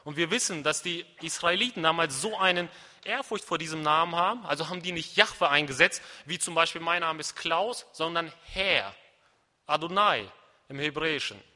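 A man preaching a sermon, shifting from quiet despairing prayer to loud emphatic proclamation. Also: on the high side, moderate pace. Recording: long hall reverb.

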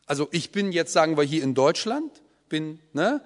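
A man's voice: on the high side, big pitch swings, moderate pace. A man teaching a Bible study to a group, explaining patiently and often checking in with a questioning "ja?". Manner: explanatory, often asks the audience "ja?". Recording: long hall reverb.

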